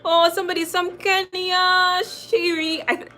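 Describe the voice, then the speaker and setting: With faint music playing behind her, a young adult Trinidadian-accented makeup artist hosts a livestream, reading comments and chatting casually. Her voice is very high-pitched and unhurried. She's bubbly and chatty, repeating phrases to stress them and calling people "girl" and "sis."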